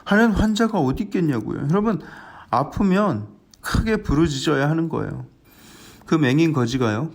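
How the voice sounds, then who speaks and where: A man preaching an early-morning sermon as senior pastor, earnest and animated, acting out scenes in his storytelling. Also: mid-range voice. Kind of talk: dawn prayer sermon.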